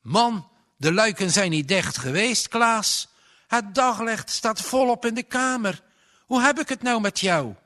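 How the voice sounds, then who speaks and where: A man voicing a stern, hot-tempered old farmer who shouts for his son. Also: on the high side, extremely slow, few pauses, voice pushed up, heavily acted. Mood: angry. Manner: bellowing, gruff.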